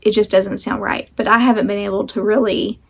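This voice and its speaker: A woman's voice: mid-range voice, flat delivery, brisk, vocal fry, breathy edge. A woman chatting casually to camera as a vlog host, rambling and self-deprecating, talking with a sore jaw that slightly restricts her mouth.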